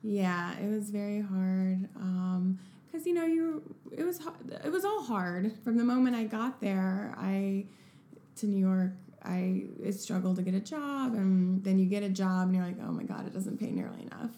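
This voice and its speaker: A young woman talks in a relaxed, upbeat way, her voice slipping into a gravelly fry. Her speech is loose and full of filler words. The room adds a noticeable echo. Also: mid-range voice, measured pace. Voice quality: upbeat, casual, filler-heavy. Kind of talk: casual chat. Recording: echoey room.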